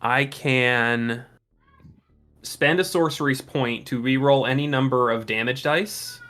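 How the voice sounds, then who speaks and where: A man playing a tabletop role-playing game, calmly talking through his character's moves step by step. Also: mid-range voice, slow pace. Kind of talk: casual tabletop game talk.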